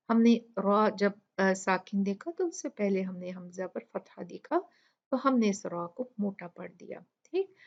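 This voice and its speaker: A woman teaching Quran recitation rules in a tajweed tutorial, explaining patiently step by step and repeating examples slowly. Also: mid-range voice, dull audio.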